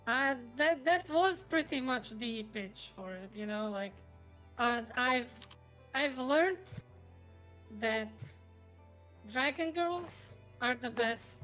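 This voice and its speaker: A woman hosts a gaming stream in casual, chatty fashion. Her voice sits fairly high and carries a slight robotic tinge from a voice changer. Faint music plays behind her. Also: lively intonation, slow pace, pauses often, a bit bright, low-quality recording. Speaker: streamer, host.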